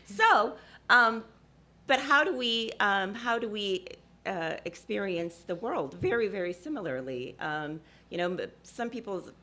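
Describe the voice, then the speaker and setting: A woman's voice: mid-range voice, animated, measured pace, sharp tone. A woman from Ethiopia speaking on a discussion panel, hesitant and full of fillers, often laughing.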